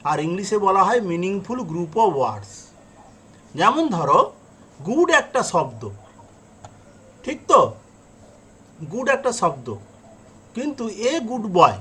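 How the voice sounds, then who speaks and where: A man's voice: high-pitched, bright, forceful tone, a little hiss or hum, poor audio. A man teaching an English grammar lesson in a classroom style. He asks questions and answers them himself, and he repeats his examples patiently.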